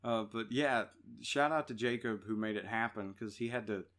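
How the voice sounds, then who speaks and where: A man's voice: fairly low pitch, steady tone, normal speed, fairly bright tone. A man co-hosting a podcast in casual chat, joking, laughing often and rambling with fillers. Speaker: podcast co-host.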